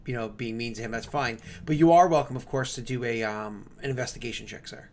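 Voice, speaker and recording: A man's voice: medium pitch, fast talker, a little hiss or hum. Chatty man running a tabletop game. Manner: chatty, rambling, conversational asides. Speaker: game master. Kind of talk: improvised tabletop game narration.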